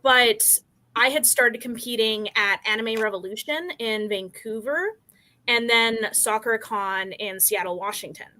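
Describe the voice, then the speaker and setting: A woman's voice: a little high, a little slow, bright, forceful tone. A young woman cosplayer earnestly telling how she nearly quit competing, quoting her own thoughts. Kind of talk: casual storytelling.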